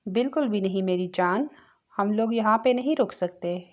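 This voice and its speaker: A woman reading the lines of a gentle, teasing young husband in an audio novel, speaking softly. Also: mid-range voice, muffled recording, natural voice. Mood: tender. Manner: soft, gentle questioning.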